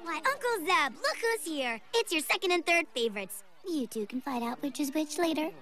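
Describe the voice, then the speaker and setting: A woman's voice: sits high, lively intonation, moderate pace. A woman voicing a vain, scheming young girl who talks smugly. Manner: smug and conniving. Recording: loud background music.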